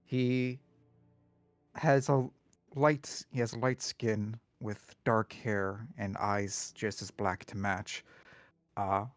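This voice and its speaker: A man playing a tabletop game, improvising character description in halting, deliberate phrases. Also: lowish voice, steady tone, no room sound. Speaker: player.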